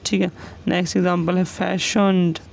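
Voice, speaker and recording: A man with a high, gravelly voice teaches shorthand, saying each example word slowly and repeating it. There is a faint hiss of noise behind him. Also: flat delivery, poor audio. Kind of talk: classroom explanation.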